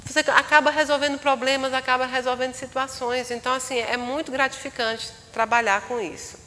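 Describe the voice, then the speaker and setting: A woman medium telling a story in a live talk, acting out the people in her story in a lively way. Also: high-pitched, brisk, slight background noise. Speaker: spiritual medium speaking live. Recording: long hall reverb.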